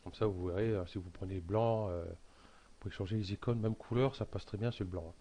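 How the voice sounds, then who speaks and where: Man, deeper voice, casual halting tutorial narration with lots of fillers, desktop mic. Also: steady tone, mellow. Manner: hesitant, many fillers and restarts. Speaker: software tutorial maker. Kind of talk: casual screen-recorded software tutorial.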